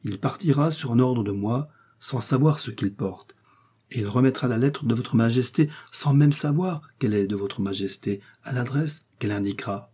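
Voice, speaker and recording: A man voices a devoted young servant woman, earnest and reassuring. The voice stays low-keyed, mellow and slightly husky, in an audiobook reading. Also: moderate pace, natural voice.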